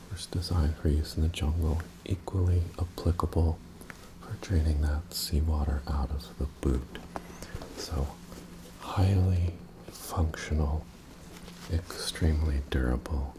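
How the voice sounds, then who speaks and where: A man in an ASMR role-play as an attentive, courteous tailor, breathy and softly presenting his wares to a customer. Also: extremely low pitch, noisy background. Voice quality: breathy, mostly soft-spoken.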